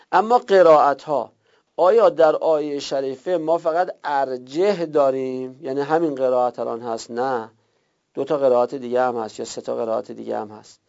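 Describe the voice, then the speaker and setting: A man teaching a class step by step, drawing out key terms slowly and checking his students' notes, heard on a dull lo-fi recording. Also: mid-range voice, gravelly, darkish tone. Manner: slow drawn-out repetition of terms. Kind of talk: classroom lesson on Arabic word roots.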